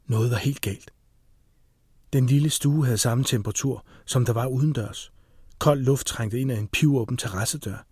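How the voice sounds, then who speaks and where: Casting: a man narrating a thriller, mid-pitched and husky, plain middle range. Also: no room sound, clean studio sound. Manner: steady, tense storytelling. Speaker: audiobook narrator. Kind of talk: scripted narration.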